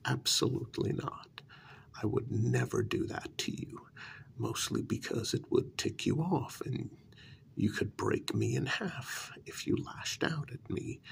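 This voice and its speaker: Speaking at medium pitch, a man performs a gentle ASMR role-play as a slick talent agent who lavishes flattery. His half-whisper is breathy and gravelly, broken by frequent pauses and calming repeated words.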